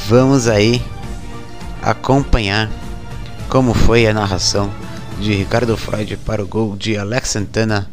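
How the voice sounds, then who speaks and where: A Brazilian man hosting casual football news, speaking haltingly with frequent mid-sentence pauses. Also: on the low side, level tone, faint music behind. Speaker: sports show host.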